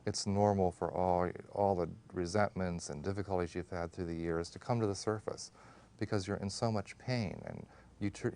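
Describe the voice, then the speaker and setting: A man speaking as a grief specialist in a documentary interview, explaining in a measured way. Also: low-pitched, a little mellow.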